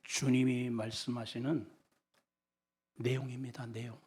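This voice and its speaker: A male senior pastor preaching a sermon, asking the congregation questions, with sudden loud bursts and quiet low asides. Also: little pitch movement, measured pace, husky. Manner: shouts often in his preaching; asks the congregation questions and has them repeat words.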